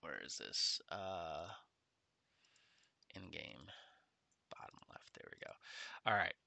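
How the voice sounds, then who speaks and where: A man's voice: low voice, sing-song, slow, vocal fry, sharp tone, no room sound. A middle-aged man chatting casually on a gaming livestream, talking a little oddly with his face half numb from the dentist. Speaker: game streamer. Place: small room at home, indoors.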